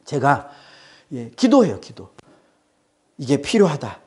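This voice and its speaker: A man's voice: mid-range voice, wildly swooping pitch, takes it slowly, a little mellow. A male pastor preaching a sermon, emphatic and repeating his phrases.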